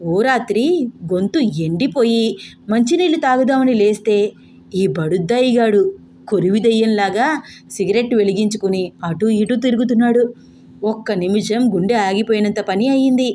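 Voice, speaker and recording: A woman's voice: a little high, normal speed, slight background noise, lightly acted. A woman voicing a bossy old grandmother who scolds and orders her family around. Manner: sharp, commanding, scolding.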